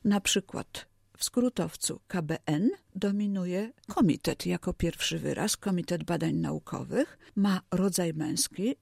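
A woman's voice: on the low side, gravelly, darkish tone, breathy edge, dry recording, clean studio sound. A woman professor of language explaining usage rules on a radio programme in a precise, lecturing manner. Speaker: language expert guest. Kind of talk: radio language advice chat.

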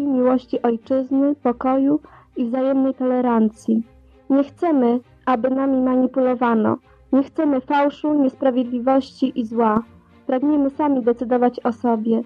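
A woman's voice: high-pitched, highs cut off. A woman announcer reading a solemn manifesto for an underground radio broadcast, recorded on old worn tape.

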